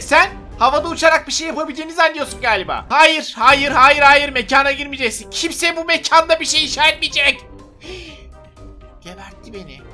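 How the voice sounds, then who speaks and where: A man giving playful, excitable gameplay commentary, teasing and trash-talking other players as he builds and fights. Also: very high-pitched. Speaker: gaming YouTuber. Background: faint background music.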